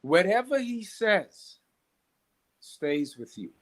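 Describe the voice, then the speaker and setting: Speaking slowly but very animatedly in a high, slightly husky voice, a Bahamian-accented Qigong practitioner and teacher guests on a podcast. He teaches conversationally and with emphasis. He asks rhetorical questions and repeats key phrases.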